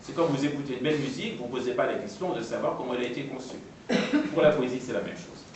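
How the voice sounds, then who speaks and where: A man gives a lecture on poetry and translation, patiently repeating and spelling out each term. His voice comes from some distance off in a very echoey hall. A faint room hum sits behind him. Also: mid-range voice. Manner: patient, repeats and spells out terms, pausing often. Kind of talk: explanatory talk to an audience.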